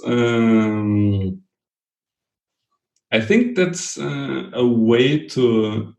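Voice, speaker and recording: A Brazilian-born man raised in Portugal and Germany, talking as a podcast guest, halting and full of restarts. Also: fairly low pitch, creaky, a little mellow, roomy sound, low-quality recording. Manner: halting, many restarts and fillers, laughs lightly. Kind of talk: conversational interview answers.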